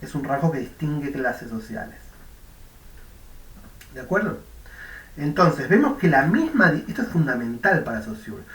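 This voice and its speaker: Lecturing at a university in Rioplatense-accented Spanish, a man walks through ideas step by step, voicing sounds as examples and often asking "¿m?" or "¿de acuerdo?" to confirm students follow. Fairly high and bright, his voice swings widely in pitch at a moderate pace with long pauses, captured off-mic in an echoey room.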